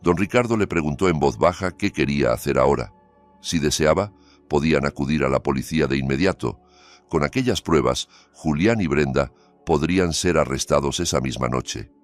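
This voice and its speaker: A man narrates a scripted dramatic story with steady, grave delivery. His voice sits extremely low and deep. Faint music runs beneath the narration. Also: moderate pace.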